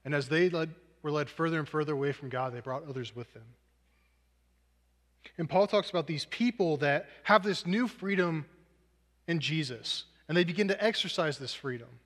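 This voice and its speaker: Earnest male preacher with a fairly high voice, self-mocking asides, lingering hall echo. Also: normal speed, fairly bright tone. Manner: earnest, self-deprecating, uses movie examples. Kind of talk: sermon. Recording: long hall reverb.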